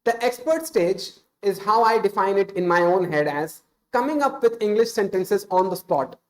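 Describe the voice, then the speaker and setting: This Hindi-speaking man in his thirties talks with an Indian accent, his high voice expressive and his pace moderate. The recording quality is low. Streaming casually, he offers unscripted tips on speaking English, sincere and peppered with small "uh"s and self-corrections.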